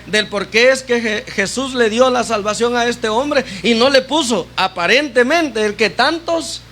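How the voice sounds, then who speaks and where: High bright-voiced deacon preaching. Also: male voice, measured pace. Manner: addresses the congregation as brothers and sisters; asks frequent rhetorical questions. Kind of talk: sermon. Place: church.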